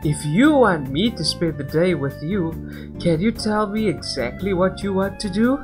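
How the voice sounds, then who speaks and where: A young man with a high-sitting, lively voice hosts a gaming channel, speaking at a moderate pace. He reads game text aloud in a casual let's-play and keeps breaking into rambling, self-interrupting commentary over background music.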